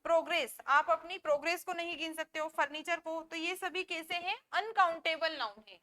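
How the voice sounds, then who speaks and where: High bright-voiced woman teaching English. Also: fairly even intonation. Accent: Indian English. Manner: explains slowly, asks and answers own questions. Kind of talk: classroom lecture.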